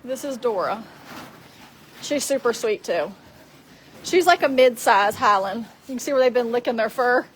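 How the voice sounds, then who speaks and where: Outdoors on a farm and in a barn, a woman with a fairly high, expressive voice chats casually on a livestream while doing chores, speaking at a normal speed and pausing often. She talks to her animals in a sing-song voice, with slight background noise present.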